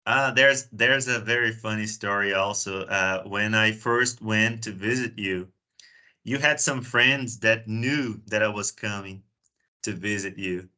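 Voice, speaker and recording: Hosting a casual video call, a Brazilian man whose first language is Portuguese chats freely and often repeats words when starting a sentence. His voice is lowish and sharp in tone, and he talks a little slowly.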